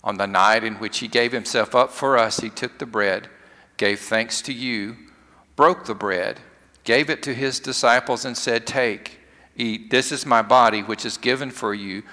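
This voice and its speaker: A pastor leading a communion liturgy in a measured cadence, his voice echoing through a large worship hall like a cathedral. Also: medium pitch, steady tone, bright, forceful tone. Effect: cathedral-like echo. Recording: long reverberant hall echo.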